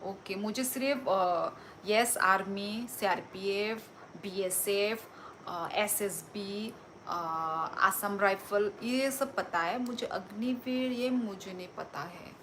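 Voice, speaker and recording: A woman's voice: medium pitch, takes it slowly, a bit bright, a little hiss or hum, poor audio. A woman from Tripura, hosting a casual livestream. She reads out viewer comments and answers them in a teasing, playful way. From Tripura, India. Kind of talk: casual live-stream chat.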